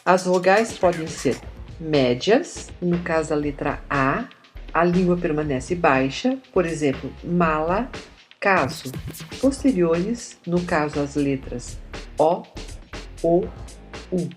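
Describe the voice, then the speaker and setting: A woman narrating a scripted grammar lesson, slowly spelling out example words. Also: deep voice, lively intonation. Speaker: teacher. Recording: soft music behind the voice.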